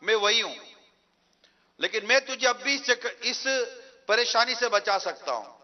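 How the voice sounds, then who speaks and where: A man's voice: high-pitched, expressive, pushed and bright, big-room sound, full character voice. A man voicing a scheming male devil who coaxes and urges a worshipper, in a dull lo-fi recording. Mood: coaxing. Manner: coaxing, urging.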